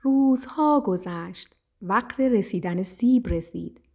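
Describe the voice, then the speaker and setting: A woman reads a children's story aloud in a calm, steady voice. Her pitch sits in the middle, and she keeps an even, gentle pace.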